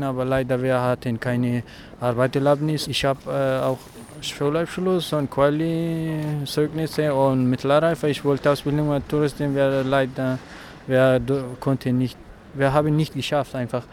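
A man from Afghanistan, a protester speaking in halting, broken German with many pauses. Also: mid-range voice, little pitch movement, darkish tone. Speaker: asylum-seeking protester. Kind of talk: street interview. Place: outdoors in a city street. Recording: faint traffic noise outdoors.

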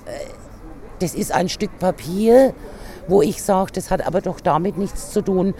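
A woman from a union migration committee, speaking emphatically in an interview clip and pausing to search for words. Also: on the low side, lively intonation, dark tone.

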